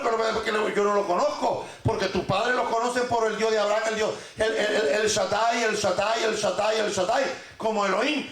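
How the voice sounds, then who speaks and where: A man preaching and teaching a congregation, joking as he corrects pronunciation and drags words out slowly to repeat them. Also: very high-pitched, fairly bright tone, roomy sound. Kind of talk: sermon teaching.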